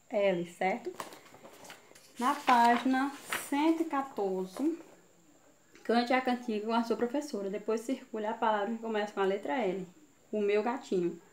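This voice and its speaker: A woman with a Brazilian Portuguese accent giving a children's video lesson, spelling out syllables slowly. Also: on the high side. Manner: slow, syllable-by-syllable teaching. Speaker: teacher. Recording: echoey room, voice from far off, faint hiss.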